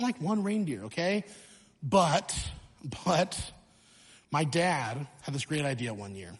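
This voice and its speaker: A man from Illinois with a high voice speaks to a church congregation. He tells stories in an animated way with self-mocking humor. His voice rings with the long reverb of a church hall. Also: breathy edge. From Illinois, USA. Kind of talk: sermon announcements and storytelling. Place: church sanctuary.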